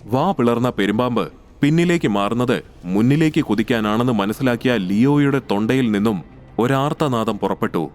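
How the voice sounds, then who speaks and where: Brief: male storyteller, even and measured, mid-range voice. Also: medium pitch, faint music behind. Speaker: narrator. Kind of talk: scripted audiobook narration.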